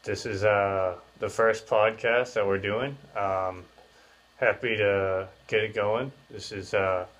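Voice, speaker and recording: Low-voiced man talking with jaw wired shut. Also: fairly even intonation, takes it slowly, a bit bright. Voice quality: clenched-teeth speech, jaw wired shut. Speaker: podcast host. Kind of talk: casual podcast chat. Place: small bare room, indoors.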